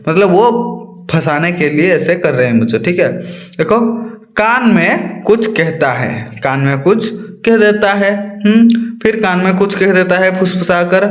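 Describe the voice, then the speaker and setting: A male teacher reading a children's story aloud, repeating each line and explaining it to the children. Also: on the high side. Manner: reads lines then repeats and explains them to children. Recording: echoey room.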